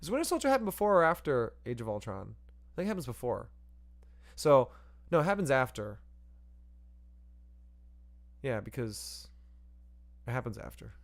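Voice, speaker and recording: Casual podcast co-host, male, rambling and profane, mid-pitched, laughs a lot. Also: sing-song, normal speed, long pauses. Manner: rambling, profane, laughs often, acts out silly voices. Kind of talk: casual movie review chat.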